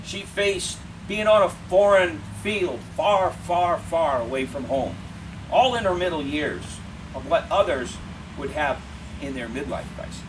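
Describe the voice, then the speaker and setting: A man preaching a funeral eulogy in measured, deliberate short phrases with pauses. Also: a little high. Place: funeral service, speaker away from the mic. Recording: distant mic, clear steady air-conditioning noise.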